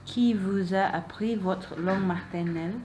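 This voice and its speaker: A hesitant young student interviewer, a Malay native speaker, asks her questions with many fillers, repeating answers along the way. She has a medium-pitched, mellow voice, a little slow, and there is slight background noise.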